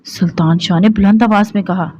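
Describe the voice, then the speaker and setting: A woman's voice: mid-range voice, fairly even intonation, a little mellow, highs cut off, slight background noise. Woman steadily reading a romance novel. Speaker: narrator. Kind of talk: scripted narration of a romance novel.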